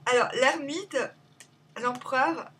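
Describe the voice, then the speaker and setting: A woman doing a casual tarot reading at home, rambling and playful, jumping between loud remarks and muttered asides. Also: sits high, slow, breathy edge, recorded from a distance. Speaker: tarot reader.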